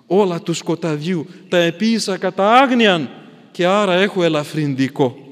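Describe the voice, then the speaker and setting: A man preaching a sermon with emphatic repetition, often dropping his voice to a hush. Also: high-pitched. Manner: emphatic, repetitive phrasing with sudden drops to near-whispers. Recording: long church reverb.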